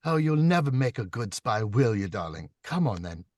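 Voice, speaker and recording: A man voicing a sharp-tongued woman spy handler with a breathy, half-whispered, accented voice. She mocks the people around her and calls them darling. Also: mid-range voice, very animated, moderate pace, no echo, clean studio sound, pitched above the performer's own voice. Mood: teasing.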